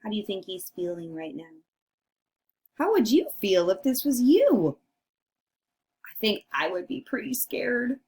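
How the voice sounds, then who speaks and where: A woman's voice: medium pitch, sing-song, measured pace, pauses often, a little mellow. A woman teacher reading a picture book aloud to children and coaching them to read along. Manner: instructive, coaxing children to join in.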